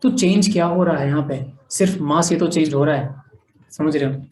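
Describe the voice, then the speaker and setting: A man's voice: a little high, moderate pace, darkish tone, reverberant, poor audio. A man teaching a language class online, explaining patiently, often checking that students follow, and mixing English phrases into his talk.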